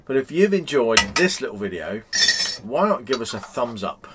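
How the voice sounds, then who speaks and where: A man's voice: mid-range voice, sing-song, moderate pace, very noisy. A man in his fifties chatting casually to camera from inside a motorhome, rambling with frequent ums and restarts. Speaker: vlogger. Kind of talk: casual vlog chat.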